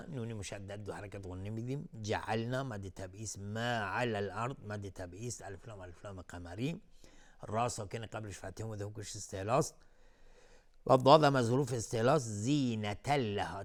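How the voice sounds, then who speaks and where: Man teaching Quran recitation rules. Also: on the low side. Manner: drawn-out melodic chanting of verses between plain spoken explanations. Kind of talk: tajweed lesson, chanting verses then explaining rules. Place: television studio.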